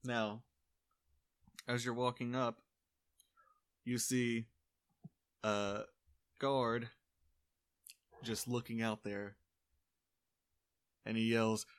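A man narrating as game master of a tabletop game, relaxed and laughing easily. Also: medium pitch, extremely slow, pauses often, clean tone, no room sound.

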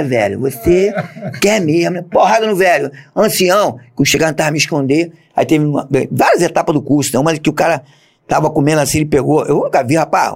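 A man, a police officer telling coarse, animated stories on an interview show and acting out the voices of others. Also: fairly high pitch, gravelly, breathy edge. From Brazil. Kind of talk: casual storytelling interview.

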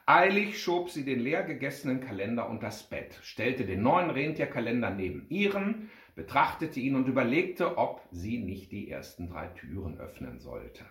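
A man's voice: mid-range voice, very animated, normal speed, a bit bright. A man expressively reading a children's story aloud, then addressing his friends. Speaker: reader and club speaker. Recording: roomy echo.

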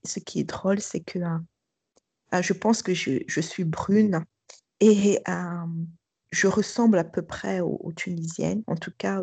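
A middle-aged woman speaks in a low, husky, gravelly voice with a dark, mellow tone. She gives a personal testimony hesitantly, pausing on fillers and restarting her phrases. The recording is dry and close. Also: no echo. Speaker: school director. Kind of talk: testimony interview.

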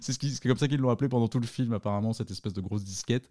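Mellow-voiced French man recapping a film. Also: mid-range voice, rapid-fire, no room sound, studio quality. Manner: recounts plot at length, many fillers. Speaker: podcast co-host. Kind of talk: casual film discussion.

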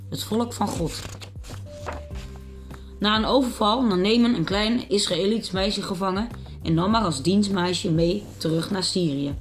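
A woman calmly and clearly reading children's Bible stories and picture books aloud. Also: mid-range voice. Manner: calm, clear storybook reading. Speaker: storyteller. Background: faint music.

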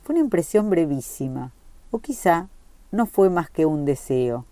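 Low-voiced woman reading a story. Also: very animated, mellow, no room sound. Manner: measured, reflective narration. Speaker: reader. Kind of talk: reading a short story aloud.

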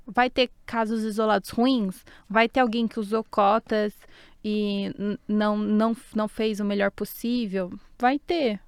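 Smooth-voiced woman thinking aloud. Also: mid-range voice, steady tone, a little slow, no room sound, clean studio sound. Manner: thoughtful, hedging with fillers. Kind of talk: casual podcast discussion.

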